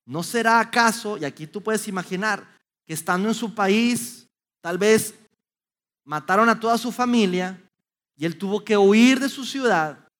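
A middle-aged man gives a motivational talk to an audience. He tells stories in an animated way, with many restarts. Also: high-pitched, measured pace. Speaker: youth speaker.

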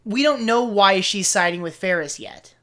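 A woman podcast host with a casual millennial way of talking, full of "like" as a filler. Her pitch sits in the middle of the female range. She sounds enthusiastic, chatting informally as a film fan. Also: animated, normal speed, a bit bright. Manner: casual millennial speech, peppered with "like".

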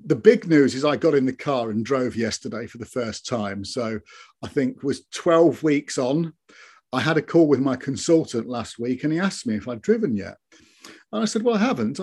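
A man's voice: on the high side, darkish tone. A man in his early fifties giving a reflective personal account as an interview guest, speaking in an earnest, matter-of-fact way. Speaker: interview guest, stroke survivor.

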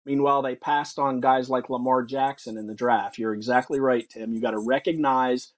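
A man co-hosting a casual talk show, making his points in a steady, matter-of-fact way. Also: medium pitch, moderate pace. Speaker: co-host.

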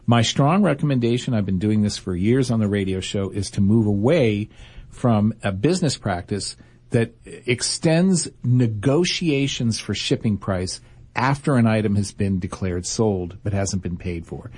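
A man's voice: lowish voice, moderate pace, darkish tone, breathy edge. A male radio show host giving firm, opinionated business advice in a chatty talk-show style.

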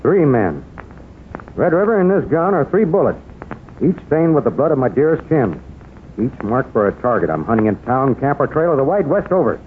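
An American actor playing an earnest cowboy on a vengeful trail in an old radio western. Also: male voice, mid-range voice, big pitch swings, normal speed, natural voice. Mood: grim, vengeful. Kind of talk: 1930s radio western acting. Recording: tinny old radio recording, faint noise.

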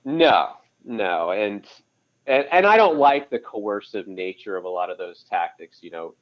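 A man's voice: fairly low pitch, very animated, measured pace. A man speaking as a podcast guest over a phone call, telling his story in a conversational way with frequent restarts and "you know". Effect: heard over a phone call. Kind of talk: casual interview storytelling. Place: calling in from home area by phone. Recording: dull lo-fi phone line.

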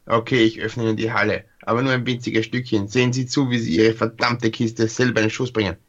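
A man voicing a grumpy, croaking robot speaking through an intercom in a text adventure game. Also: medium pitch, level tone, brisk, dull audio, natural voice. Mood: grumbling. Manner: angry, gruff, grumbling. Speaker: player reading a text adventure aloud. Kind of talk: reading game text aloud in a voice.

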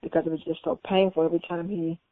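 A woman's voice: fairly low pitch, fast talker, no echo. A woman patient casually telling the story of her knee recovery, acting out what people said to her with vivid jumps in voice. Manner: animated, acts out quoted dialogue in a raised voice. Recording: tinny phone-line audio.

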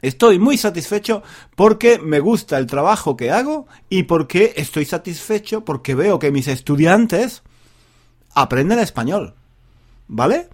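A man, a university Spanish teacher, talking slowly and repeating each phrase for learners in a playful, joking way. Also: high-pitched, sing-song. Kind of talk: slow, repetitive Spanish practice monologue for learners.

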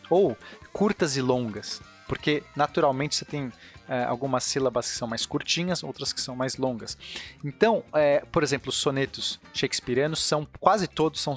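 Homem, sotaque brasileiro, voz um pouco aguda, fala animada com hesitações, música suave ao fundo. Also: male voice, a little high, fairly bright tone. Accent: Brazilian Portuguese. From Brazil. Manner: explains eagerly, many restarts and fillers. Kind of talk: casual explanatory chat.

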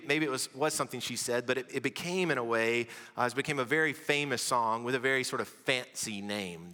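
A male pastor, preaching a sermon with storytelling, dramatic pauses and humor. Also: medium pitch, bright, forceful tone. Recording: long hall reverb.

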